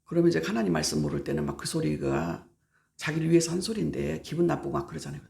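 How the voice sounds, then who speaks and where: A woman's voice: low voice, fast, gravelly, a little mellow. A middle-aged woman pastor preaching at a prayer meeting, stressing her points by repeating words and acting out everyday exchanges. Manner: emphatic, repeats key words, acts out everyday dialogue.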